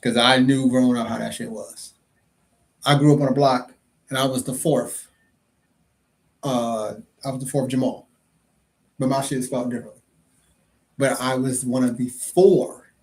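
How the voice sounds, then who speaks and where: A man's voice: medium pitch, flat delivery, normal speed, vocal fry, pauses often. A man hosting his own podcast livestream, talking loosely and jokingly in casual chat and swearing freely. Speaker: podcast host and comedian.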